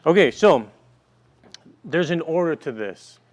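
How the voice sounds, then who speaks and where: A man's voice: a little high, lively intonation, unhurried, faint music behind. A man hosting a casual cooking demonstration, playful and joking as he talks viewers through the dish. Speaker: cooking show host.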